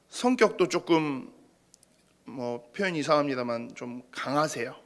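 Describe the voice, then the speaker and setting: A man's voice: a little high, gravelly, fairly bright tone. A man in his thirties preaching a sermon, telling a personal story in a conversational, self-deprecating way. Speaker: pastor.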